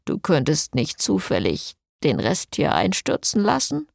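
Audiobook cast note: dry sardonic man, read by a woman, slow delivery, lowered voice. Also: huge pitch swings, gravelly, no room sound, heavily acted. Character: sarcastic dry-witted man.

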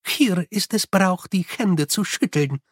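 A man's voice: high-pitched, expressive, takes it slowly, husky, dry recording, clean studio sound, pitched above the performer's own voice, full character voice. A man putting on a prim formal noblewoman.

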